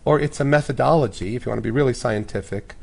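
A man speaks in a raspy, hoarse voice, full of gravelly fry. He is a priest on a panel, explaining in measured phrases, and his voice sounds worn out from too much shouting. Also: medium pitch. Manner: measured, uses analogies and lists. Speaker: priest, guest commentator.

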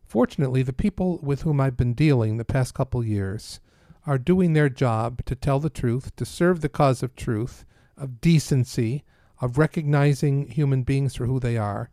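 A man from Canada, a priest and press aide, speaking as an interview guest in an earnest, measured way with dry quips. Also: medium pitch, mellow, dry recording.

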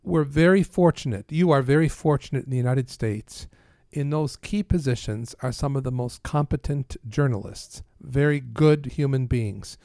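A mid-pitched man from Canada, a priest talking as an interview guest. He speaks earnestly and steadily, praising people warmly and slipping in dry quips. His voice sounds close and dry. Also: normal speed, vocal fry, hardly any pauses, no echo. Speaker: priest and Vatican press aide.

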